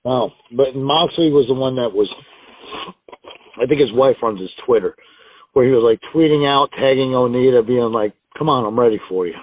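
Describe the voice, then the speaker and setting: This American man, a wrestler guest, shares casual interview stories in a rambling, self-deprecating way, laughing often. He talks at normal speed in a medium pitch, heard on a tinny, dry phone line with no room sound.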